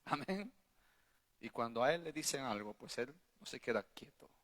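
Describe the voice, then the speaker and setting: A male pastor preaching a sermon, emphatic, peppering the congregation with questions and swinging between loud bursts and quiet asides. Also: mid-range voice, animated, normal speed. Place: church hall. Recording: long hall reverb.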